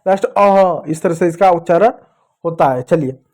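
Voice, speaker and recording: A man's voice: fairly high pitch, moderate pace, darkish tone. A man teaching young children to read, patiently repeating each sound and answering his own questions. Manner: addresses the viewers as dear children. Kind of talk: children's reading lesson.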